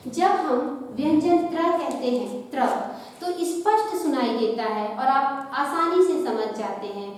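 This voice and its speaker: Woman teacher, high voice, patient step-by-step explanations, echoey room, distant from the mic. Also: expressive, unhurried. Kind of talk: Hindi grammar lesson.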